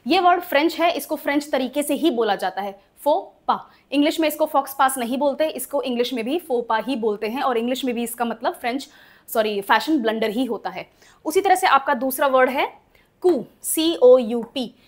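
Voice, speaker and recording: High-voiced woman teaching vocabulary. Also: fairly quick. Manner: explains step by step, spells words letter by letter, asks checking questions. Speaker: English teacher. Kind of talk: exam-prep vocabulary lesson.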